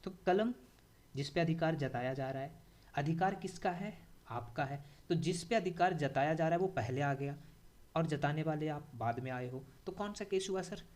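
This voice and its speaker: A man's voice: fairly high pitch, moderate pace. Indian man, young adult, upbeat grammar teacher, repeats and quizzes the class. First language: Hindi. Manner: repeats key points, asks the class questions, animated.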